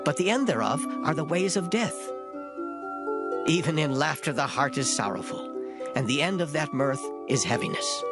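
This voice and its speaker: Close to an everyday voice, a mid-range, expressive reader performs King James scripture at normal speed, solemn and emphatic. Loud music fills the background of this dramatized Bible reading in formal old English.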